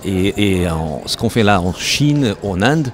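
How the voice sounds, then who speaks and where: Speaking for his company at a trade show, an animated man with a lowish voice answers interview questions in French, which isn't his first language, and his accent is foreign. He is halting, repeating words as he reaches for phrasing, while the trade fair's crowd chatter fills the background.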